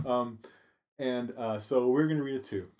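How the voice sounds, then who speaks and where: A man co-hosting a casual chat, talking haltingly with many fillers and restarts. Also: medium pitch, darkish tone, slight background noise. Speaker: podcast co-host.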